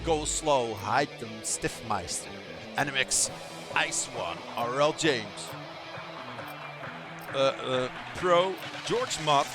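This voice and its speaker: A man's voice: mid-range voice, expressive, slow pace, pauses often. A man commentating on online racing and calling results like an arena announcer, repeating short phrases for emphasis. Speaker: esports racing league commentator and host. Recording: music behind the voice. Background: music.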